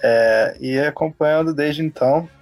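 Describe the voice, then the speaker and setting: A man's voice: fairly high pitch, normal speed, dry recording, soft background music. A young man from Rio, a laid-back podcast guest. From Rio de Janeiro, Brazil. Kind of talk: casual podcast chat.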